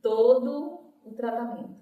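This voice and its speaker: A woman's voice: fairly even intonation, a little slow, narrow, tinny audio. A woman giving an emotional personal testimony as a guest, acting out the voices in her story. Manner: storytelling, acts out quoted speech with rising pitch. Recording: echoey room, mic at a distance.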